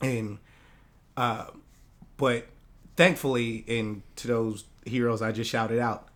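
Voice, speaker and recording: A man who grew up in Hawaii, a guest artist talking in a casual interview, relaxed and rambling with many fillers. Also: medium pitch, takes it slowly.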